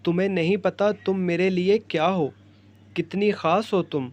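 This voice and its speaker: Guy reading as a lovesick young man, teasing and devoted, slightly high voice. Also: fairly even intonation, natural voice. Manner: playful, devoted.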